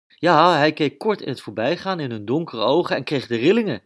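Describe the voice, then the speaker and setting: Brief: animated male storyteller reading a children's tale, does all the voices. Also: a little high, fairly quick. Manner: lively, expressive reading, voicing all the characters.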